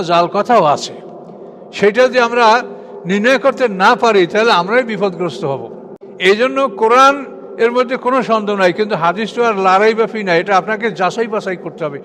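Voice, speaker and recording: A man giving a sermon that explains scripture, lecturing with frequent hesitant, drawn-out fillers. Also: high voice, a bit bright. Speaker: Islamic preacher.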